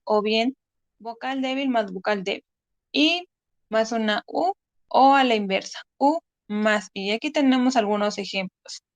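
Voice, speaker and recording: A woman teacher with a Mexican Spanish accent gives an online class lecture, explaining patiently and pausing with frequent "eh" fillers. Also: fairly high pitch, no room sound.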